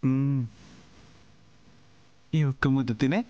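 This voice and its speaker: A man's voice: medium pitch, flat delivery, slow pace, a little mellow, smooth, highs cut off, natural voice. An actor playing a kind, protective middle-aged father figure in a TV serial, speaking in a soothing, coaxing way. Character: kind fatherly older gentleman, protective and gentle. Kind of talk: TV serial acting.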